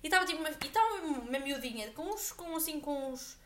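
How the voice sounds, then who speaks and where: Very fast-talking young Portuguese woman. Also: high voice, animated, echoey room. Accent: European Portuguese. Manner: rapid, rambling anecdotes with many fillers. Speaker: podcast co-host. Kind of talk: casual chat.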